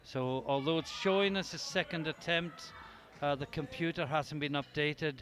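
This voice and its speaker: A man's voice: a little high, steady tone, moderate pace, a bit bright. Chatty male sport commentator. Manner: chatty, explains results.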